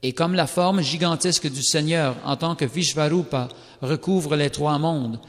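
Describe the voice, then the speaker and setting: A man reads a sacred text aloud in a slow, solemn, carefully measured recitation. His voice sits a little higher than most men's, and a long reverb hangs after each phrase. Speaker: scripture reader. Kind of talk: scripted scripture reading. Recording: long reverberant hall sound.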